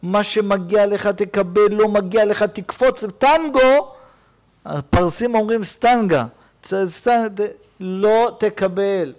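Animated preaching rabbi, high voice. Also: male voice. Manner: animated storytelling preacher, swings between loud and hushed. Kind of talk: sermon. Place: synagogue.

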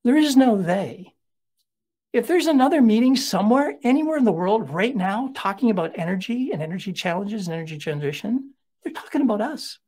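A middle-aged man giving a keynote talk, telling stories with lively conversational asides. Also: high voice, fairly quick. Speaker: keynote speaker.

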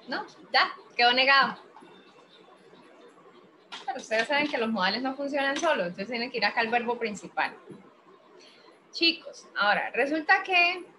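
A Colombian woman teaching an English grammar class, explaining slowly and patiently while questioning her students. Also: high voice, sharp tone, slight background noise, low-quality recording. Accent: Colombian Spanish.

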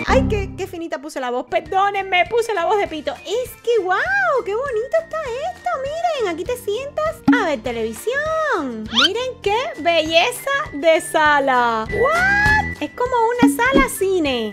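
Bubbly high-voiced woman giving a game tour. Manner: bubbly, exclamatory, talks to viewers. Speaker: gaming YouTuber. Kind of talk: excited Minecraft house tour. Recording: loud background music.

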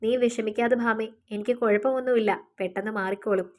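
A calm young man with a plaster-cast leg talks softly and steadily, brushing off his injury, as a woman storyteller puts him on. The voice sits fairly high for a man and stays quiet and even. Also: fairly quick, lightly acted. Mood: reassuring.

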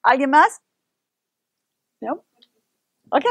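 A woman from Spain with a Spanish accent, a university Spanish instructor leading an interactive workshop in a lively, playful way and drawing answers from the audience. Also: high-pitched, drawn-out words, dry recording.

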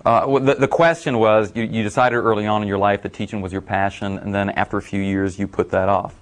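A man's voice: lowish voice, brisk. Rambling middle-aged man telling a story. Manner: rambling, many fillers, animated when quoting others. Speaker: speaker at a talk. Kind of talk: casual storytelling talk.

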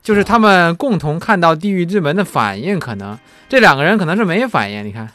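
A man's voice: a little high, big pitch swings, a little fast, fairly bright tone, no room sound, soft background music. A man giving casual live commentary as he streams a game.

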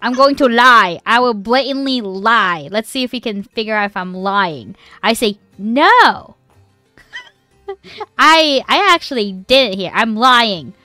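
A high-pitched woman with a bright, sharp tone plays along at a game table, giggling often. Her speech is slow and playful, and the sound is dry and close. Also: expressive, dry recording, soft background music. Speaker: player. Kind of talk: casual tabletop play.

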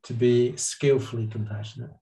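Speaking over a webcam from his living room, an older guest psychologist earnestly explains on a video call, hands moving as he frequently starts his sentences over. He has a warm, medium-pitched voice with fairly even intonation at a moderate pace, and the recording is rough.

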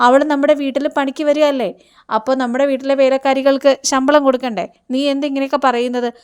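A woman's voice: high-pitched, little pitch movement, fast talker, lightly acted. Woman reading a haughty scolding mother. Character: proud scolding rich mother, middle-aged.

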